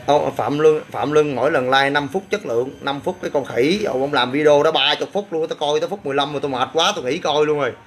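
A man's voice: a little high, fast talker, few pauses. Brash joking man with a Southern Vietnamese accent. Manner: brash, boastful, crude joking banter. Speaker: gym owner answering livestream comments. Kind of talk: casual livestream chat.

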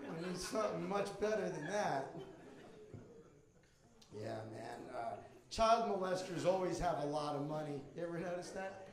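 Performing stand-up with a handheld mic, a middle-aged man from Miami sounds a little high and animated, talking at normal speed with long pauses. Crowd noise from the live audience fills the echoey comedy club.

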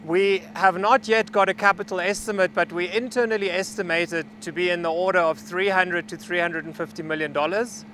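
A man in his thirties gives a measured, factual on-site briefing to camera outdoors on a salt flat, speaking as a mining company representative on a lapel mic. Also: sits high, a little hiss or hum. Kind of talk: on-site project presentation to camera. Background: background music.

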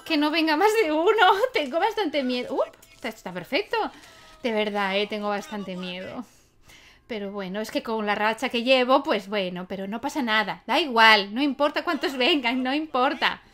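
Casual gameplay commentary from a young woman, a YouTuber, who talks to her characters while playing a life-simulation game. The voice is a little high and fairly bright, with a moderate pace.

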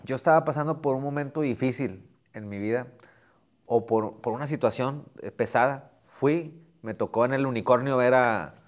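A male host, asking questions in an earnest, measured way. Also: medium pitch. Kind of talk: interview talk.

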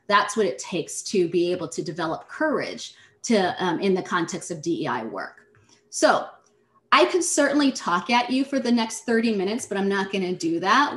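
A woman leading an online workshop, explaining ideas in a measured way and speaking directly to her audience. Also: mid-range voice. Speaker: presenter. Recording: roomy echo.

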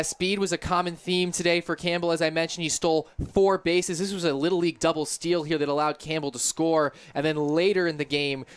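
Casting: young male co-host, slightly higher voice, smooth and close, dry sound. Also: dry recording. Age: young adult. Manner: enthusiastic highlight calling. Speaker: postgame show co-host. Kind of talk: sports highlights commentary. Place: stadium broadcast booth. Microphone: headset mic.

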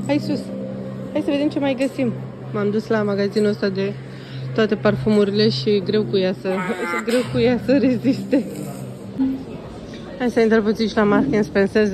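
A Romanian woman in her thirties vlogging casually while walking through a shopping mall, chatting to the camera and gently coaxing her small child, slipping into English phrases. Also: medium pitch, background noise. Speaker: vlogger and mother.

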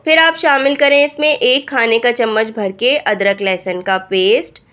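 A woman with a hoarse voice from a cold, calmly talking through a recipe step by step as a cooking channel host. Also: a little high, moderate pace. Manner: calm step-by-step instructing. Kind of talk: recipe voice-over narration. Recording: dull lo-fi voice-over.

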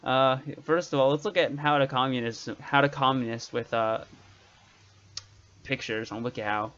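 A man's voice: medium pitch, steady tone, normal speed, a bit bright. A man streaming a survival game and chatting casually, often trailing off mid-sentence. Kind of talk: casual gameplay chat. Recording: dull lo-fi stream audio.

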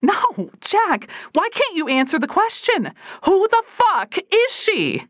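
A woman's voice: sing-song, unhurried, a bit bright, dry recording. A woman narrator voicing a hurt young woman who pleads and demands answers from her lover. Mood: upset. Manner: pleading, rising to shrill.

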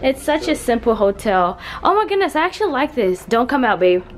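Very animated and brisk, this young woman's high-leaning voice is still raspy from just waking up. She's vlogging casually on a handheld camera as she moves through a hotel room, talking slangily to viewers and her partner, with background noise behind her.

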